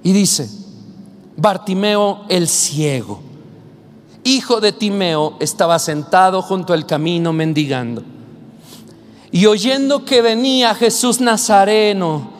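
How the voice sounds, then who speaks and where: A man preaching a sermon with passion, shouting and half-singing at his peaks. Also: high-pitched, slow pace. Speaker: pastor. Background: music.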